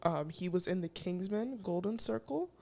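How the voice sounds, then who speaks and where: A woman's voice: on the low side, normal speed, vocal fry. A teenage girl from the Chicago area, co-hosting a casual chat and acting out quotes with lots of fillers. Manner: animated, filler-heavy, acts out quotes. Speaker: co-host.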